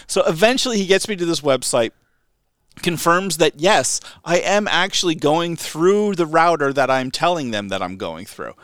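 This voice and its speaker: A man co-hosting a podcast, telling a story in casual chat, animated and exasperated, laughing often. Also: on the high side, normal speed, no room sound. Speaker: podcast co-host. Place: home.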